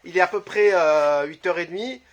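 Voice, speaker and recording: High-voiced man, blunt and sweary. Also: moderate pace, muffled recording. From Marseille, France. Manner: blunt, swears freely, trails off into filler "euh". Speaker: retro game collector vlogger. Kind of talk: casual vlog talk to camera. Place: his home, early morning.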